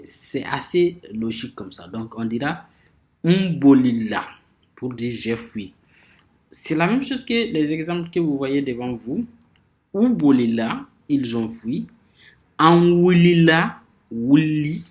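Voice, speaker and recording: A man teaching a grammar lesson, speaking slowly and repeating words as he searches for phrasing, stressing example words emphatically. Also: medium pitch. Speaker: language teacher.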